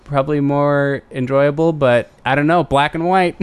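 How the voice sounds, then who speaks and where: A man's voice: on the high side, fairly even intonation, moderate pace, clear, resonant tone, no echo. A man co-hosting a casual movie podcast, chatty, laughing often and restarting his sentences. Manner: chatty, laughs between lines, repeats words when starting. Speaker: podcast co-host. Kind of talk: casual film chat.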